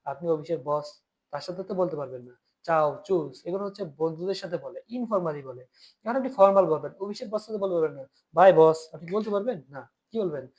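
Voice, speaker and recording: A man with a Bangladeshi Bengali accent is teaching German vocabulary. His voice sits a little high, and he asks questions, answers them himself and keeps checking in with his students. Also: expressive, fast talker, a little mellow, slightly rough. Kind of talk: lesson explaining vocabulary.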